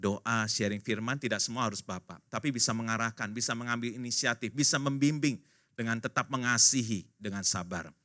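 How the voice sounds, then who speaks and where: A man's voice: mid-range voice, a little fast, bright, forceful tone. A man in his fifties, a pastor, preaching a casual, joking sermon to his congregation at a church service and acting out the voices of the people he quotes.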